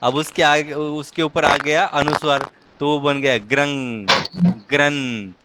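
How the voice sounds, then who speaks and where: A man teaching a one-on-one reading lesson, patiently explaining letter by letter and repeating each word slowly. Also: a little high, steady tone, heavy background noise. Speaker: language teacher.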